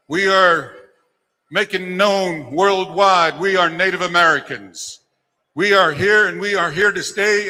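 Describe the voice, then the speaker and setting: A man's voice: a little high, sharp tone. A man working as a powwow emcee, announcing to and rallying dancers in an encouraging, folksy, joking way over a gymnasium PA. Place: large indoor gymnasium. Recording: PA in echoey gymnasium, long reverb.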